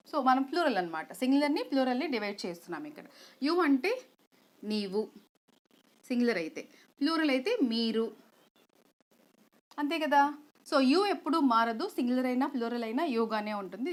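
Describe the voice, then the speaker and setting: Higher-pitched woman teaching English in Telugu. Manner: explains step by step, switching between Telugu and English, asks rhetorical questions. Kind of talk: online grammar lesson.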